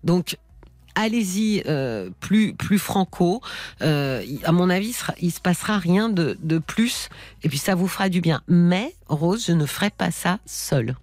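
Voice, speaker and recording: A woman's voice: fairly low pitch, animated, unhurried, darkish tone, dry recording. A woman hosting a live call-in radio show, giving a caller direct, encouraging advice. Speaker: radio host.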